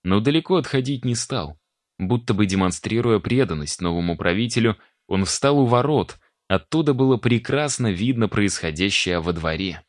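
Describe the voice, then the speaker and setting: A man's voice: on the low side, expressive, normal speed, dry recording, studio quality. A man narrating a first-person fantasy audiobook in a wry, conversational way.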